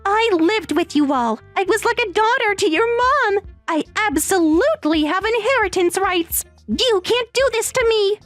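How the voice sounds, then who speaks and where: A woman voicing a panicked, entitled young wife in a dramatized text story, pleading and shrill. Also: animated, moderate pace, hardly any pauses, faint music behind. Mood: desperate.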